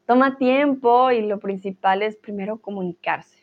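A woman's voice: medium pitch, takes it slowly, phone-quality sound. A woman teaching a live online language class, encouraging her viewers, reading and answering their comments with frequent small laughs. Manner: encouraging, laughs often, says "¿vale?".

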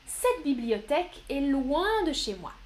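A woman's voice: high voice, sing-song, a little slow. A woman teaching grammar in a live online lesson, patient and encouraging as she answers viewers one by one. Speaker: French teacher.

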